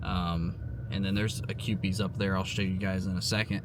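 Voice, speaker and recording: A man's voice: deep voice, little pitch movement, moderate pace, background noise. Man, 30s, from Ohio, casual driving vlogger, loose and chatty with filler words. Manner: rambling, chatty, filler-heavy. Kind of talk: casual talking while driving. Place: in a car.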